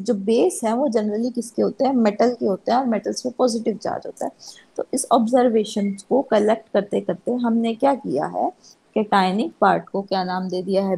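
A woman's voice: medium pitch, vocal fry, dark tone, slightly rough, rough recording. A woman chemistry lecturer, teaching a class and repeatedly asking questions that she answers herself. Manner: asks rhetorical questions and answers them herself.

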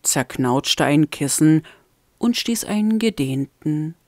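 A woman narrating a fan-made audiobook in a deliberate tone with dramatic rises. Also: low-pitched, lively intonation, no room sound, clean studio sound. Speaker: audiobook reader.

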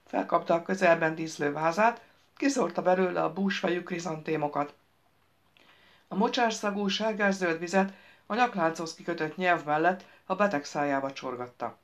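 A woman narrating an audiobook with a lively, expressive reading. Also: on the low side. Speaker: audiobook reader.

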